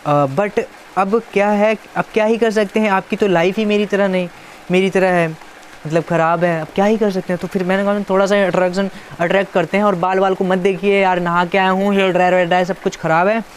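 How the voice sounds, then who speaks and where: This man, a YouTuber, has a high-pitched voice with fairly even intonation and a brisk pace. He casually reads chat messages aloud and playfully teases along the way, over slight background noise.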